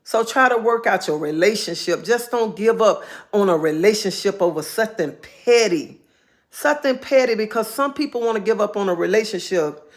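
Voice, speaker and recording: A woman's voice: mid-range voice, lively intonation, moderate pace. Earnest woman telling heartfelt stories. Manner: earnest, heartfelt storytelling with repetition. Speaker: live streamer. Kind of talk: casual live-stream monologue.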